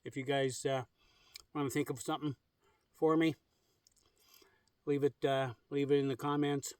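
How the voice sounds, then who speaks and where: A man's voice: medium pitch, little pitch movement, normal speed, darkish tone, smooth, dry recording, far from the mic. A man casually vlogging from a clifftop campsite outdoors, rambling with lots of fillers. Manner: rambling, easygoing, many fillers. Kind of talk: casual camping vlog.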